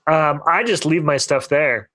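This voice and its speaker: Unhurried and a bit bright, this young man's fairly high voice carries a long, filler-laden story as he co-hosts a laid-back podcast, casually swapping tales with friends.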